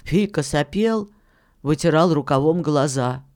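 A narrator reading a fairy tale in a calm, measured, scripted storytelling style. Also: medium pitch. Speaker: audiobook narrator.

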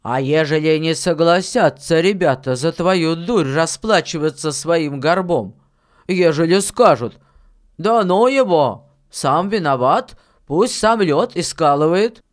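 A gruff old village miller scolds in a slow, weighty storybook voice, as a reader puts him on. He speaks sternly and louder than the surrounding narration, with a grumbling sternness that stays steady. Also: mid-range voice. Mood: gruff teasing. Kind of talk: audiobook reading of a fairy tale.

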